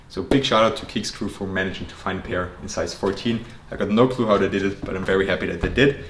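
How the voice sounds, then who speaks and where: A man's voice: fairly low pitch, fairly bright tone. A man presenting casually to his viewers as a vlogger, recorded indoors at home. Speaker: sneaker collection vlogger. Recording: roomy echo, faint noise.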